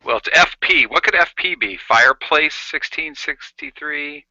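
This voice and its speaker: A man's voice: fairly high pitch, measured pace, pushed and bright, no room sound. Man, playful co-host, old carbon phone-mic sound, dull and dry. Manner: playful, jokey show-and-tell. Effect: speaking through an old carbon microphone from a 1950s hotel phone. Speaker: podcast co-host. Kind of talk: casual chat.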